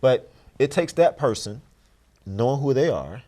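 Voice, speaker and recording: This interview guest has a medium-pitched, dark voice that moves in a sing-song way and runs a little slow. He explains his views earnestly and emphatically, giving the exchange the feel of a conversational motivational talk.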